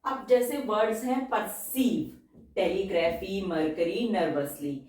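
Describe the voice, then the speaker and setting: A woman teaching a shorthand lesson, going step by step and repeating each example word slowly. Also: mid-range voice, darkish tone. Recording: very echoey room, voice from far off.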